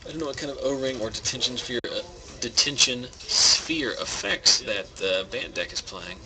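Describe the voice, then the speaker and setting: A man giving relaxed, rambling commentary on a card game match, thinking aloud. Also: mid-range voice, moderate pace. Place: game store. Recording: background noise in a game store.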